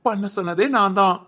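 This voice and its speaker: A voice actor playing a caring young husband in a cartoon, who gently teases and coaxes his wife. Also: mid-range voice. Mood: teasing, playful. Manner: gently teasing, coaxing. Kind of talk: cartoon voice acting.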